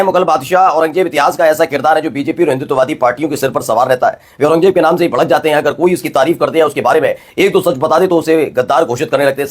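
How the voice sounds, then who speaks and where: A man delivers political news commentary at a rapid clip, his voice a touch husky and pitched a little high. He keeps turning to the viewer with rhetorical prompts. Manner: fast, rhetorical, addressing viewers directly.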